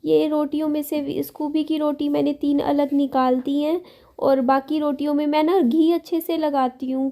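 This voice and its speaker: A woman's voice: high-pitched, dark tone. A young woman, vlogging at home in her kitchen and venting her worries to viewers. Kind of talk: confessional vlog while cooking. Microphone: camera set up nearby.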